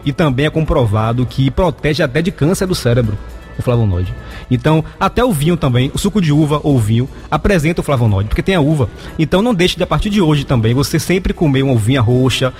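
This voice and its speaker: A man's voice: mid-range voice, a little mellow. A Brazilian man giving explanatory health advice as an expert guest, didactic and often checking in with short tags. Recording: echoey room, music behind. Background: music.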